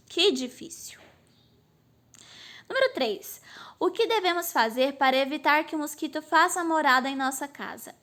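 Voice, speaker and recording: Woman teacher, high voice, patient explainer asking and answering her own questions. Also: a bit bright. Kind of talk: recorded remote class lesson.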